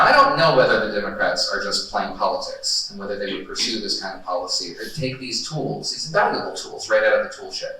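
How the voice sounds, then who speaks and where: A man with a bright, forceful voice argues his case in a panel discussion, asking rhetorical questions and answering them himself. He sits well back from the mic in a very echoey room. Faint background noise runs under him. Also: mid-range voice, distant mic.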